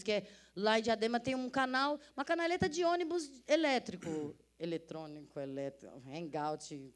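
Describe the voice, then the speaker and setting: A middle-aged woman, an interview guest telling a story with lots of energy, acting out voices and laughing often. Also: a little high. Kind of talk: animated storytelling.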